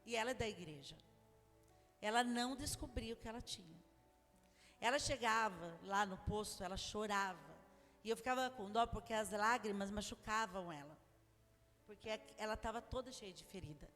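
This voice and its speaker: A woman with a Brazilian Portuguese accent preaches a sermon in a church, speaking at normal speed in a medium-pitched, fairly bright voice. She tells stories in a chatty way full of asides, and the recording has long church hall reverb and faint music.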